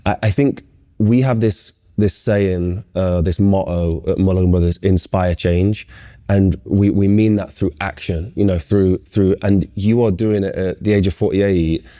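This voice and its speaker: A man hosting an interview, talking earnestly with many halting restarts. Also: deep voice, fairly even intonation, mellow. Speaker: interview host. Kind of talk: casual interview conversation.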